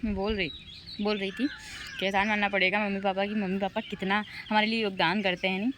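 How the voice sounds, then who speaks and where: A young woman vlogging casually at home, soft and emotional as she reflects, still recovering from being unwell. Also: medium pitch, level tone, fast talker, a little hiss or hum. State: recovering from illness. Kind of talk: casual vlog talk to camera. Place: at home, near singing birds. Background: birds chirping.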